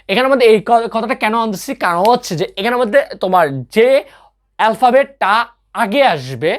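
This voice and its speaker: A young man teaching a recorded chemistry lesson. He keeps checking in with his students, answers his own questions and mixes English terms into his talk. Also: high voice. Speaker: chemistry tutor. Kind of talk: recorded online lecture.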